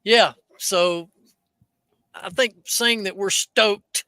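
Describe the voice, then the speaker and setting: A man's voice: high-pitched, extremely slow, sharp tone, clean tone, dry recording. A man hosting a casual podcast, reading viewer comments aloud and joking with his guests. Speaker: podcast host.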